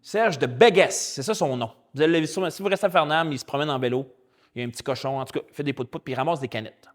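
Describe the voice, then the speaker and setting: Animated Québécois pastor, somewhat high voice. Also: male voice, fast. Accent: Québécois French. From Quebec. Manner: animated, colloquial and chatty, with spoken English slang. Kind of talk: storytelling sermon.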